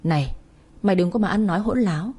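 A woman voicing a spiteful older mother-in-law who scolds, accuses and wails in a shrill voice. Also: quick pace, dark tone, husky, lightly acted. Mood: scolding.

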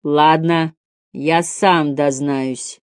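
A woman's voice: low-pitched, fairly even intonation, drawn-out words, clear, resonant tone, no echo, clean studio sound. A woman voicing a stern, furious male geography teacher in an audiobook.

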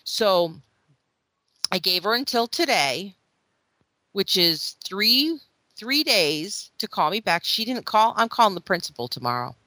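A woman's voice: medium pitch, very animated, a little slow, bright, forceful tone, no echo. A woman on a podcast in casual chat, speaking frankly as a parent and retelling family moments. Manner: frank, quotes her child in retelling.

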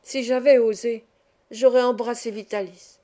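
Mellow woman reading a classic novel. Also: on the high side, steady tone, moderate pace. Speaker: audiobook reader. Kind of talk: literary audiobook narration.

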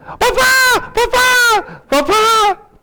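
A man playing a frightened little boy who cries out for his father in the dark. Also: drawn-out words, heavily acted. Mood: crying, scared. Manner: shrill desperate wailing.

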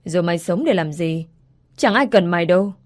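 A woman's voice: fairly low pitch, lively intonation, a little fast, natural voice. A woman voicing a scolding, contemptuous stepmother. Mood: scornful. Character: cruel shrill young stepmother.

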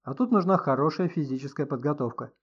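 A man doing a soft-spoken glum young man. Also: fairly high pitch, fast talker, husky, lo-fi sound. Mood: gloomy.

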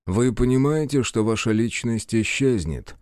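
A man voicing a calm, polite hacker. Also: medium pitch, a little slow, smooth, no echo, clean studio sound, natural voice. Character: secretive male hacker watching patients.

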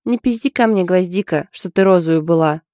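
A woman's voice: mid-range voice, fairly quick, dark tone, no echo, studio quality, pitched above the performer's own voice, natural voice. A woman voicing a cheerful, brash young married woman in an audiobook.

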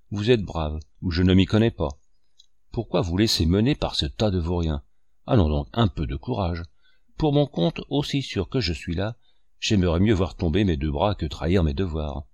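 A man reading a gruff, stubborn honest sailor. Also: sits low, a little mellow, dry recording. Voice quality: hoarse, trembling.

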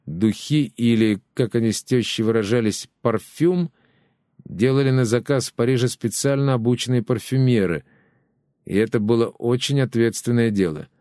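A man reading an audiobook in calm, measured scripted narration. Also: medium pitch, dry recording, clean studio sound.

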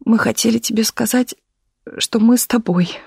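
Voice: moderate pace, gravelly, darkish tone, slightly rough, no echo, clean studio sound. A reader voicing an eager, tearful young woman who comforts her friend in a thin little voice. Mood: eager, caring. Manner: thin little voice, raised pitch.

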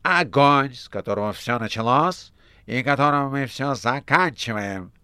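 Sly, coaxing male demon in an audiobook, read by a man, very low with a sharp, bright edge. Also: moderate pace, no room sound. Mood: exultant. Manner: soothing, gently mocking. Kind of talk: audiobook character voice.

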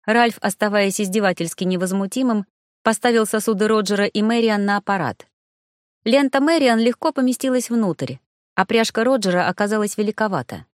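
A woman narrating a first-person fantasy audiobook in a measured, expressive reading. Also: medium pitch, dry recording, studio quality. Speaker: audiobook reader.

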